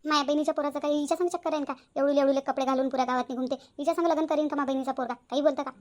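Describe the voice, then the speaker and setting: A woman voicing Kankulabai, an indignant village aunt, high and fast. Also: fairly even intonation, lightly acted. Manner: indignant, threatening. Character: angry middle-aged village aunt Kankulabai.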